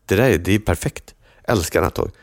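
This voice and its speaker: A man's voice: low voice, animated, no room sound, clean studio sound. A man chatting casually on a podcast, teasing and joking, often restarting his sentences. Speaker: podcast co-host. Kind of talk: casual chat.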